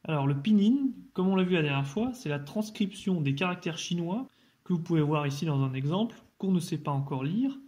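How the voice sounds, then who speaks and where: A man teaching in a casual video lesson, explaining in a relaxed, chatty way with small asides and fillers. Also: a little high, a little fast. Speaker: language teacher.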